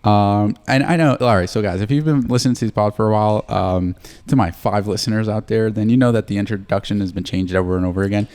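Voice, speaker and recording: A young man, hosting a podcast in relaxed, casual chat. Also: fairly low pitch, fast talker, smooth. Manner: relaxed, chatty, with fillers. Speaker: podcast host.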